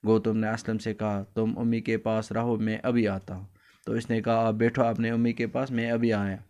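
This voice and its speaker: A man teaches a story lesson to young children. He speaks in a flat, level pitch with a clear, smooth tone. He repeats phrases and explains each new word carefully. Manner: explains word meanings, switches briefly into Kashmiri; addresses children fondly, repeats lines.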